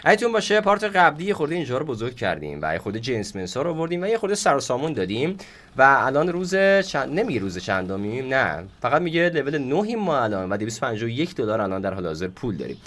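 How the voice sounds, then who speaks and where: A hoarse man giving casual gameplay commentary as a gaming YouTuber host, playful and chatty with his viewers. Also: medium pitch, big pitch swings, fairly bright tone. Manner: playful, chatty, talks to viewers while playing.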